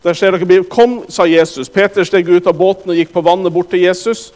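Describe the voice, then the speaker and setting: Man preaching, high and emphatic. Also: little pitch movement, a little mellow, long reverb tail. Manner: emphatic, addresses the congregation directly. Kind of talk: sermon.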